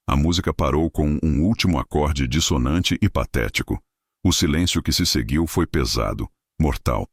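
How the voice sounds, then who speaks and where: Very deep man narrating a drama story, dry close sound, measured. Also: slightly rough, no echo.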